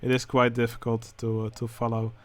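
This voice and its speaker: Dutch guy talking thru game entries, lots of uhs, pretty monotone, mid pitch. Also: a little fast. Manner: hesitant, many filler sounds. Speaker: channel host judging a building contest. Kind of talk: casual game commentary.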